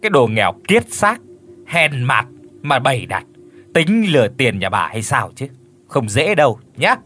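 A man's voice: mid-range voice, a little fast, a bit bright, husky, faint music behind. A man voicing an arrogant, rich old lady who speaks in a haughty, mocking way.

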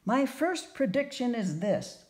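A woman voicing a sly, smooth-talking male fortune teller who makes confident, drawn-out pronouncements in a storybook reading. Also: on the high side, big pitch swings, a little mellow, pitched above the performer's own voice. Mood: assured.

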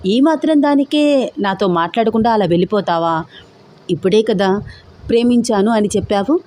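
A woman voicing a stubborn, teasing young man in love, playful and persistent, with a mellow tone. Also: medium pitch, expressive, normal speed, lightly acted.

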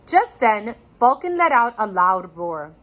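A woman's voice: a little high, very animated, unhurried, a bit bright, low-quality recording. A woman teacher reading a chapter book aloud to children, addressing them directly and expressively. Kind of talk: storybook read-aloud.

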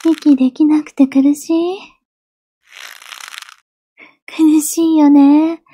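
A woman playing a possessive yandere girlfriend in a soft, breathy ASMR role-play, obsessively loving, clingy and sweetly menacing. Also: sits high, little pitch movement, extremely slow. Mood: menacing, pained. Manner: yandere: obsessively loving, soft, pleading turning coldly threatening.

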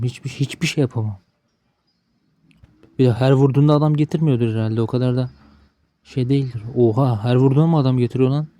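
A man mutters and grumbles as he plays, cursing bad luck in a casual running commentary. His voice is very dark and mellow, recorded dry and close with no room sound. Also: medium pitch, no echo. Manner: frustrated, swearing at the game, talking to himself. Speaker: gaming streamer.

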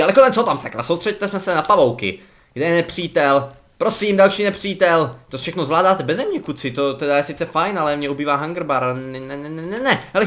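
A young man giving casual, joking commentary over a game he is playing, rambling along and breaking into excited yelps. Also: mid-range voice. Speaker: gaming commentator.

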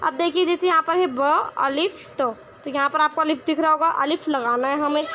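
High bright-voiced woman teaching children. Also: a little hiss or hum. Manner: patient, repeats words slowly for children to follow. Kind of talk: online lesson, reading words aloud.

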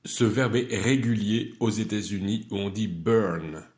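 Man, teacher, low voice, very slow delivery, deliberate verb drills. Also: a little mellow. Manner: slow, deliberate, stresses verb forms then drops lower to explain. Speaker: English teacher. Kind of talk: reciting irregular verbs with explanations.

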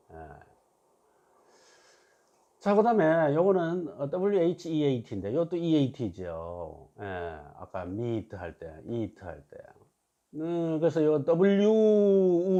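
A man teaching English phonics in a slow classroom style, repeating each word and often asking his listeners to agree. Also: medium pitch, dark tone. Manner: repeats words slowly, asks "그죠?" for agreement. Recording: dull lo-fi recording.

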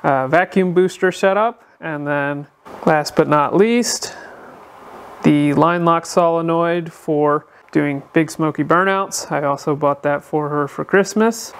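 A man hosting a casual walkthrough of a vehicle build in an indoor workshop, explaining things in a relaxed way with frequent filler sounds, recorded on the handheld camera he films with. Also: on the high side, clean tone. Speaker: car builder and channel host.

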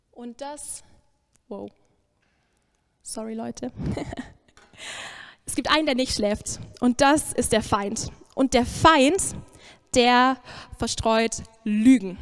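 A woman's voice: a little high, smooth. Emphatic woman preaching a sermon. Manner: emphatic, swinging between loud and soft.

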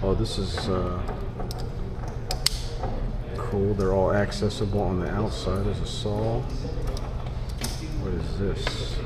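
This man speaks low and steady at a slow pace, pausing often, while heavy noise fills the background. Touring an indoor shop as a vlogger, he casually talks to himself and exclaims at items, all captured on a head-mounted action camera in a handheld product walkthrough.

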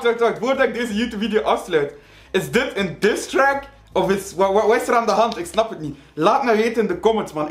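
A man with a high, bouncy voice that swings wildly up and down, reacting to a rap track with loud, hyped exclamations. His voice rings in an echoey room. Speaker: reaction video host.

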